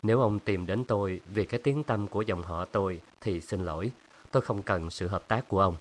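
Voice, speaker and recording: A moody young painter who answers curtly with a sardonic edge, voiced by a man reading a story. His voice is lowish and restrained. It is a storybook reading. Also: fairly quick.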